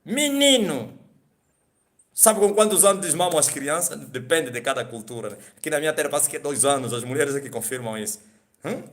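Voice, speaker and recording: A man preaching a sermon, telling a story dramatically, acting out voices with sudden shouts and quizzing the congregation. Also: fairly high pitch, lively intonation, fairly quick. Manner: asks the congregation questions.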